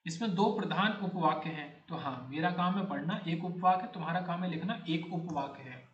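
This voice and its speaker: A man with a high voice teaches an exam-prep grammar lesson. He works through each answer step by step and repeats words as he checks them. The sound is roomy, with a clear echo around him. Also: fairly quick, muffled recording, slight background noise. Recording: echoey room.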